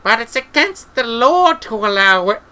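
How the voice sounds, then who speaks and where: A man's voice: very high voice, very animated, moderate pace, pushed and bright, clean tone, voice pushed up, full character voice. A man voicing a nervous, fussy male wizard official who stammers. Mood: flustered. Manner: hesitant, flustered.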